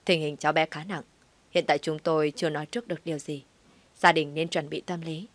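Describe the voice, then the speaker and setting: A woman voicing a grave doctor who speaks in a measured, formal way. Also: sits low, fairly even intonation, dry recording.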